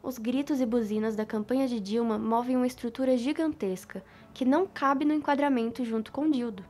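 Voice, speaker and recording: A woman reading a scripted analysis of a documentary, in an even, read-aloud manner. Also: fairly high pitch, a little fast. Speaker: student presenter. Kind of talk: scripted video-essay narration.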